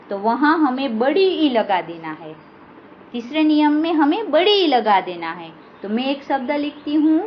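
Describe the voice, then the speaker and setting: Woman teacher going over grammar rules, high lively voice, slow and patient, kinda dull lo-fi recording w faint hiss. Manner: slow, patient, repeats each rule and drags out example words. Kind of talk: grammar lesson.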